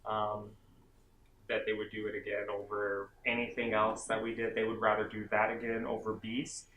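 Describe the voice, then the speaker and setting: A man's voice: lowish voice, moderate pace, muffled recording. A young man vlogging about his basic training, telling the story casually and a bit dramatically, with lots of "like" fillers. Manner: animated, self-dramatizing, many "like" fillers. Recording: echoey room, faint background hum.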